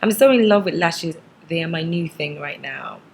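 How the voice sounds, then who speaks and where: Nigerian female vlog host, lowish hoarse swallowed voice, chatty and playful storyteller. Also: expressive, moderate pace. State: hoarse, partly lost voice. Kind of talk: casual chatty vlog monologue.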